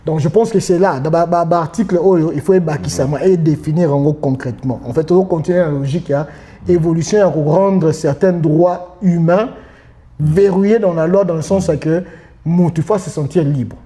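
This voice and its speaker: A man's voice: fairly high pitch, moderate pace, warm tone. A man with a Congolese French accent hosting a casual discussion, switching between French and Lingala as he leads each point. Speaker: podcast host.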